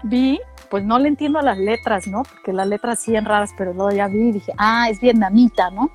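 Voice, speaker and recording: A middle-aged woman from Mexico with a Mexican accent, telling animated, slangy stories in casual chat and acting out what people said. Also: mid-range voice, a little fast, slightly rough, faint music behind. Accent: Mexican Spanish. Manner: animated storytelling, slangy, acts out quotes.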